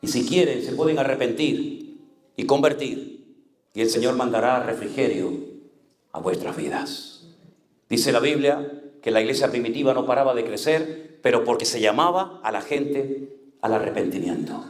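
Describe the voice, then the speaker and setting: A man's voice: mid-range voice, moderate pace, pauses often, echoey room. A male pastor preaching an impassioned sermon, acting out the voices he quotes.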